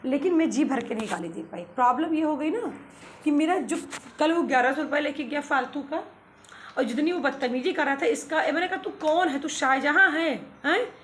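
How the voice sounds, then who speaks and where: Indignant woman ranting in a high voice. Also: expressive, a little fast, slight background noise. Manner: indignant, ranting storytelling with laughs. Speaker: vlogger. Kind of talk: casual vlog talk. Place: home under renovation.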